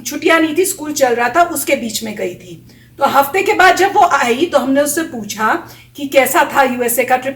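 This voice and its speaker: A chatty, high-voiced woman vlogger reacts to a video, telling anecdotes in casual storytelling chat and mimicking what other people said. She sits a little back from the camera mic, so she sounds distant, and the room rings with echo.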